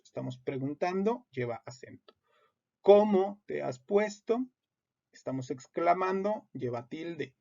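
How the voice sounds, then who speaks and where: Gravelly man teaching grammar. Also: fairly high pitch. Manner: methodical, reads example sentences aloud. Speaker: instructor. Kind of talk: explanatory lesson on grammar. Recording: dull lo-fi recording.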